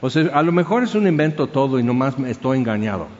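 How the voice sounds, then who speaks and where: A man's voice: mid-range voice, very animated, fast talker. A man preaching a conversational sermon that is full of rhetorical questions. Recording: dull sound with long hall reverb.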